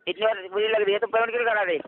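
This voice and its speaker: A man speaks fast and insistently as a loan recovery agent, repeating the same demand over and over. His voice sits high for a man. It comes through a tinny, narrow phone line. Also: steady tone. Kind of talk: phone call.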